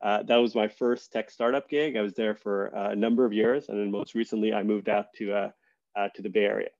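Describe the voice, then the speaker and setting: A man talking as a guest on a podcast, relaxed and thoughtful, with lots of fillers and restarts. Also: on the low side, a little fast, lo-fi sound. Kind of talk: casual interview conversation.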